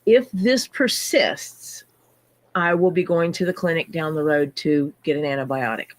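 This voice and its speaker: A woman hosting a casual livestream talks in a deep, unhurried voice made scratchy by illness. She's chatty and calls out viewers by name as her stories unfold.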